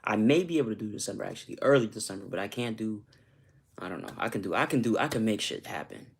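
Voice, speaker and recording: Fast and expressive, this man's lowish voice is creaky and husky. He's a YouTuber from Costa Rica hanging out with viewers during a relaxed livestream, frequently tossing in "you know what I'm saying."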